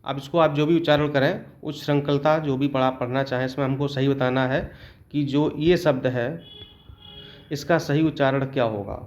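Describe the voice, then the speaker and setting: A man's voice: medium pitch, steady tone, normal speed. A male teacher going through exam questions step by step, often stopping to check in with his students. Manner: explains step by step, often adds a checking "okay". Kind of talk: exam-prep lesson.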